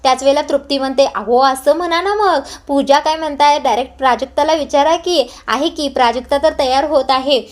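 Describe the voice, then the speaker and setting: High-voiced woman briskly retelling a serial. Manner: quotes every character's dialogue in her own voice; brisk storyteller with frequent "uh" pauses. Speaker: serial recap narrator.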